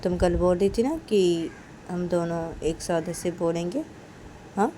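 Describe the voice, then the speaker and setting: A woman voicing a bold, protective young woman who talks loudly and keeps firing questions. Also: lowish voice, measured pace, a little hiss or hum, close to an everyday voice. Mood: insistent. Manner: loud, insistent, repeating questions.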